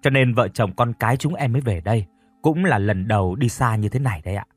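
A man's voice: medium pitch, expressive, fast, breathy edge, dry recording, faint music behind. A man voicing a polite humble father. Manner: polite, deferential.

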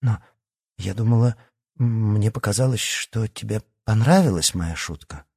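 A man voicing a vain, pushy teenage girl in an audiobook, speaking high and loud. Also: a little slow, gravelly, slightly rough, no echo, studio quality, exaggerated voice. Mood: pleading. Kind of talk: audiobook character voice.

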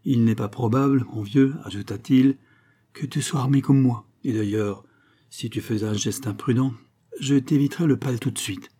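A man's voice: medium pitch, moderate pace, dark tone, slightly rough, close to an everyday voice. A man voicing a cocky young male bandit who teases and commands in a spoken storybook. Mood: mocking. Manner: teasing, commanding.

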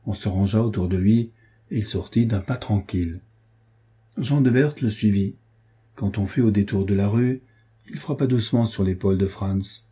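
A man narrating a novel as an audiobook in a steady, even reading. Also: on the low side, moderate pace, husky.

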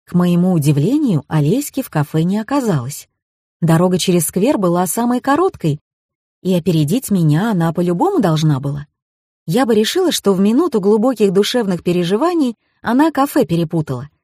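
A woman narrates a first-person audiobook with lively, ironic storytelling. Her voice is husky and mid-pitched, recorded dry and close with no room sound. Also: a little fast, dry recording.

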